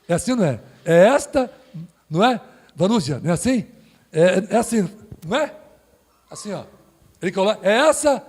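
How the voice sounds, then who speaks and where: Gravelly high-voiced São Paulo pastor preaching. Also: male voice, a little mellow. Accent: Brazilian Portuguese, São Paulo. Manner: preaching with humor, acting out dialogue. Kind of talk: sermon. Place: church sanctuary. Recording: live stream with long church reverb.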